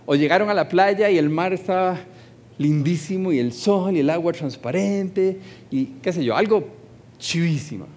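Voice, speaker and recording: A pastor preaching in a fairly high voice. He talks with his congregation more than at them and keeps asking them questions. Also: normal speed, darkish tone. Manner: conversational, asks the congregation questions. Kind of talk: sermon. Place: church hall, also streamed.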